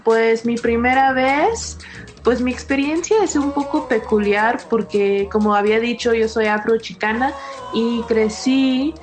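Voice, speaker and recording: A woman's voice: a little high, a little slow, soft background music. A young woman from California, a documentary filmmaker, giving a thoughtful personal testimony in an interview. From California, United States.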